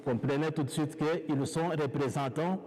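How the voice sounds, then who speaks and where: Slow-preaching priest with an African accent. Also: male voice, a little high, steady tone, darkish tone. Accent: African French. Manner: slow, measured preaching with pauses and restarts. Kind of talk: sermon. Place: church. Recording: reverberant church hall.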